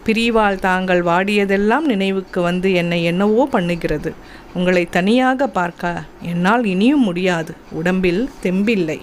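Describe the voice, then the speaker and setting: A woman voicing a humble, devoted male monkey-god servant in a devotional story, speaking earnestly and slowly. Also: lowish voice, slight background noise, close to an everyday voice. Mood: yearning.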